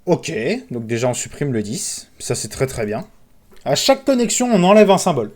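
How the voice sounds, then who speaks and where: A man streaming casino games, commentating live, excitable, pleading with the game and calling out sums. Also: medium pitch, moderate pace.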